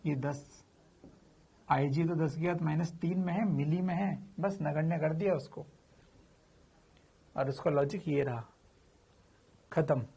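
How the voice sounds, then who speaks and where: A man's voice: fairly high pitch, slow, vocal fry, pauses often, warm tone, breathy edge. A man teaching physics in a chatty, informal lecture, asking questions and answering them himself. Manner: addresses students familiarly, slips in slang.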